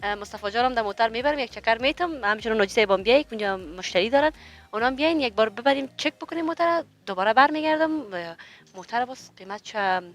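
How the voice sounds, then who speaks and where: A woman's voice: a little high, expressive. A young woman with an Afghan accent, chatting casually and bargaining as a customer. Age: young adult. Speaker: journalist and car buyer.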